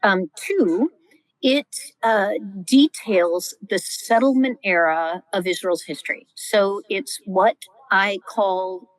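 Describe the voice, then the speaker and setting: Animated middle-aged woman scholar, dry sound. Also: mid-range voice, takes it slowly, no room sound, rough recording. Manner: animated, vivid storyteller, exclaims often. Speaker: guest Old Testament scholar. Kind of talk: podcast interview, teaching.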